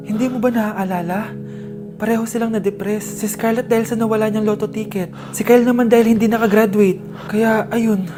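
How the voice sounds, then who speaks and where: A woman voicing a calm, grave doctor in an animated skit, with a somber, measured way of speaking. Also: on the high side, over music, voice pushed down, lightly acted.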